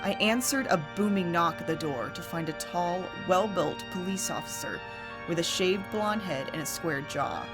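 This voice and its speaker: A woman with a low voice narrating a horror story as host, in a theatrical, deliberate storytelling manner over music.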